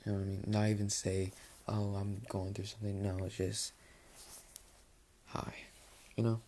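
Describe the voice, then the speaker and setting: Sitting on his bed, a young man hosts a casual late-night solo podcast, rambling in a relaxed, sleepy, dry way with lots of fillers. His voice is lowish and moderately paced, with faint hiss in the background.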